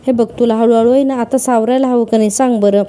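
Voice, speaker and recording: A woman's voice: on the high side, fairly even intonation, fast talker, warm tone, close to an everyday voice. Woman reading as a worried tender mother. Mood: coaxing. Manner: soothing, coaxing.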